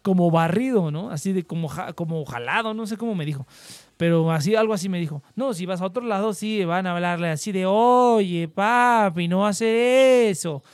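A man's voice: sits high, quick pace, darkish tone, no room sound. A young man with a Mexican accent, chatting casually with friends in a slangy, laid-back way, telling stories.

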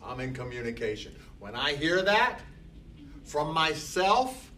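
A man teaching a class, slow and emphatic, often talking back to himself in quoted dialogue. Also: fairly high pitch, very animated, sharp tone. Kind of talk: classroom talk. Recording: noisy room, voice from a distance.

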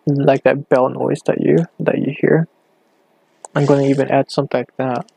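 A young man rambling hesitantly on his own podcast, talking low in his bedroom with a hand cupped over the mic. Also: flat delivery, normal speed, gravelly, dark tone, slightly rough. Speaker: podcast host. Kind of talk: casual solo podcast. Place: bedroom at home.

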